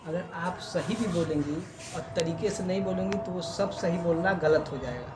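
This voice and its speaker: Firm woman mediator asking for calm. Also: lowish voice, moderate pace, music in the background. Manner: firm, lecturing, asks for calm. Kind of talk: mediating a dispute. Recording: noisy crowd around.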